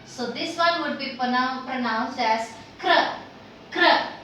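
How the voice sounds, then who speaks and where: A woman teaching Hindi letters and sounds, patiently repeating each sound slowly for learners. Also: high voice, pushed and bright, a little hiss or hum. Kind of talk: language lesson. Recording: roomy echo, mic at a distance.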